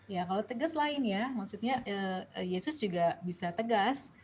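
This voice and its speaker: A young adult woman with an Indonesian accent leads an online Bible study, asking the group questions, reading scripture aloud and frequently restarting her sentences. Her medium-pitched voice has a darkish tone and moves at a moderate pace.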